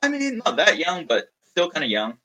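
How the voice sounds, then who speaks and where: A Malaysian founder in his thirties speaks in an interview with a high, bright, forceful voice, huge pitch swings and normal speed. He tells his story openly, rambling somewhat and repeating words mid-thought.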